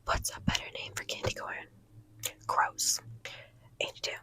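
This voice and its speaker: Whispering from a parked car, a woman who is a mother of young children and an ASMR creator works through a list of questions in a chatty, rambling manner, getting flustered easily. Her pace is a little slow, and the phone-recorded audio is poor.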